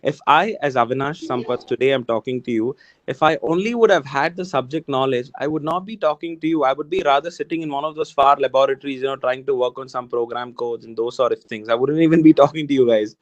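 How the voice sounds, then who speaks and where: Speaking quickly at medium pitch, a native Tamil speaker with an Indian English accent addresses students as a returning alumnus. His motivational style is relaxed and supportive, and he keeps saying "guys" and "man." The audio sounds dull but has no echo.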